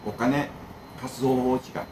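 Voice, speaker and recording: A man's voice: mid-range voice, little pitch movement, unhurried, a little mellow, slight background noise, rough recording. A man who runs a bento shop, talking casually and rambling to camera, jumping between complaints and advice. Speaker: bento shop owner and channel host.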